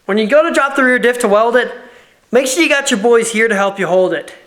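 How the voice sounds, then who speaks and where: A man's voice: very high-pitched, a little fast, a bit bright. A man vlogging casually from his home garage as he works on his car. He is tired and out of breath, chats freely, laughs often and keeps apologizing.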